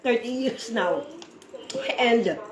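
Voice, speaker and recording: A Filipino woman in her forties, with a Filipino accent, hosts a livestream and chats loosely with her viewers, laughing often. Her voice sits on the high side and is slow, with a roomy sound and a crowd audible behind her.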